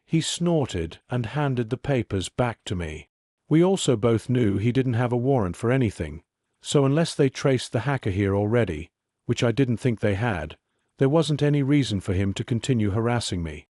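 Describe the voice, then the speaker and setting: Male audiobook narrator, steady first-person reading, middle pitch, dry booth sound. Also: normal speed, no echo.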